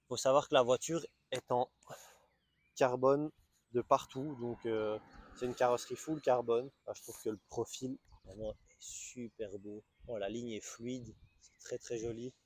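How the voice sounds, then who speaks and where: A man's voice: mid-range voice, steady tone, a little slow, long pauses, dry recording. A man with a Belgian French accent, presenting a car in a casual, enthusiastic walkaround with frequent restarts. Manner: enthusiastic, chatty, hesitant restarts. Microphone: small camera-mounted mic.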